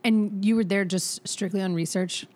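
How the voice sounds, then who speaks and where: A woman's voice: mid-range voice, steady tone, a little mellow. A woman hosting a casual podcast, playful and teasing, with frequent swearing. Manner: playful, profane, quick to tease. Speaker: podcast host.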